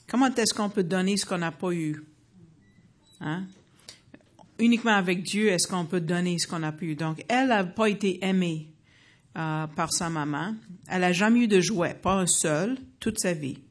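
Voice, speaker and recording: Earnest American woman in her fifties. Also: on the low side. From United States. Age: 50s. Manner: earnest, halting, many fillers and restarts. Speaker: speaker giving a testimony. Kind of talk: personal faith testimony to an audience.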